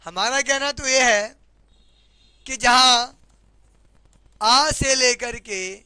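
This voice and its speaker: A man's voice: extremely high pitch, very slow, bright, forceful tone, clear, resonant tone, no echo. A man with a Hindi accent teaching English grammar in a classroom lesson, often repeating questions to his students.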